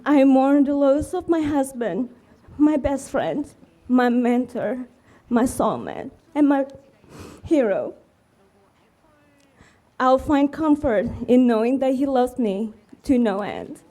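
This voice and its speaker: A woman's voice: sits high, lively intonation, slow, mellow. A woman speaking as a widow at a memorial, heartfelt, earnest and tender, addressing a room full of mourners. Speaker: widow giving a eulogy. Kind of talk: memorial speech.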